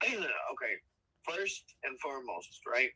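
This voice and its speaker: A man calling in as a guest, heard over a speakerphone, talking in a halting way with many fillers and restarts. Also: medium pitch, sing-song, bright, forceful tone, breathy edge, low-quality recording. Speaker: phone-in guest. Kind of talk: casual livestream chat.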